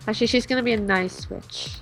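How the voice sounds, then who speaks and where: A woman's voice: mid-range voice, huge pitch swings, fast, vocal fry, over music. A young woman from England chatting casually over a game, playful, agreeable and reassuring toward her friend. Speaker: co-host. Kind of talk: casual chat while gaming.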